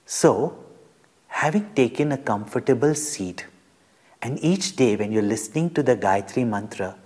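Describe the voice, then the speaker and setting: A man giving a guided meditation discourse as a spiritual teacher, deliberate and emphatic, breaking phrases with pauses, his husky voice turning breathy at phrase ends. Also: mid-range voice, animated, darkish tone. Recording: long hall reverb.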